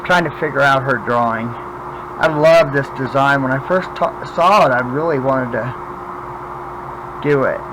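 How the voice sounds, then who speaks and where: A man with toothless, slurred speech, chatting casually and haltingly as he demonstrates a craft, thinking aloud while he works. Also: medium pitch, background noise. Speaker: craft vlogger demonstrating wood burning. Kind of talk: casual chat while working.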